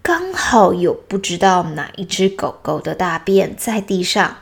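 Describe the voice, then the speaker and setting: A woman voicing a playful father bear who tells his cub a childhood story, in a slow, calm manner. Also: on the low side, gravelly.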